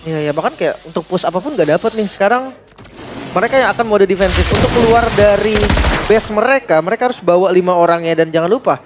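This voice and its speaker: A man with an Indonesian accent giving animated analysis and commentary on an esports match. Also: sits high, quick pace, background noise. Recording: loud game music behind the voice. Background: loud music.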